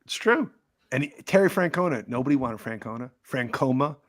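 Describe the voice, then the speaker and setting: A man in the middle of his range, co-hosting a loose sports podcast. He tells stories with plenty of energy and swears freely. His pitch sits in the middle and the talk stays casual throughout. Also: a little fast, no echo. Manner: animated storyteller, swears freely. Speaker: podcast co-host.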